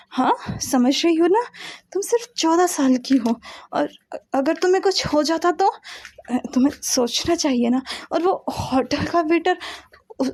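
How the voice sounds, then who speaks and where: A woman's voice: high-pitched, darkish tone, no room sound. A woman playing a fretful, protective older brother who pleads anxiously and stumbles over his words.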